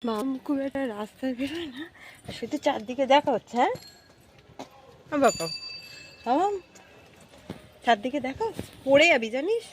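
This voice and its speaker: A woman, a mother, narrating her day in a casual vlog in a soft, low murmur, sometimes cooing baby talk to her daughter. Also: expressive, normal speed, long pauses. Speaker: vlogger and mother of a baby girl. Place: home, then outdoors on the street. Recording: noisy handheld phone vlog audio. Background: wind and outdoor noise.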